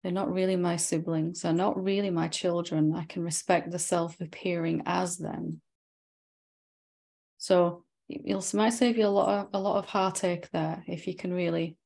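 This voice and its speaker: A woman spiritual teacher in a satsang dialogue, reflective and gently probing, often closing her points with tag questions. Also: fairly low pitch, fairly even intonation, normal speed, vocal fry.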